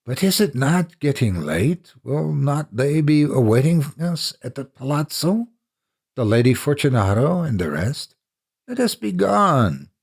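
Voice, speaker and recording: A man's voice: on the high side, very animated, measured pace, gravelly, breathy edge, voice pushed up, heavily acted. A man voicing a chained, doomed nobleman in a gothic horror story, sobering from drink, with sad, forced laughter breaking into his speech. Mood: pleading, laughing.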